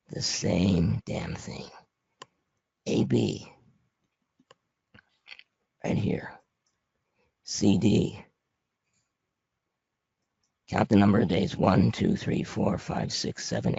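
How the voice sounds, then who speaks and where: Raspy, gravelly hoarse man teaching. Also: fairly low pitch, darkish tone, no echo. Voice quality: raspy, papery, breathy voice. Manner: plain-spoken, step-by-step, conversational. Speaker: trading instructor presenting a webinar. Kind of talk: informal slide presentation. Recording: dry, muffled lo-fi audio.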